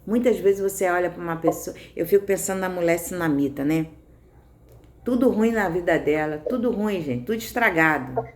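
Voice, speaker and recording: Chatty Brazilian woman preaching. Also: medium pitch. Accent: Brazilian Portuguese. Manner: chatty, keeps checking in with listeners; reads out and answers listener comments. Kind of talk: conversational devotional sermon.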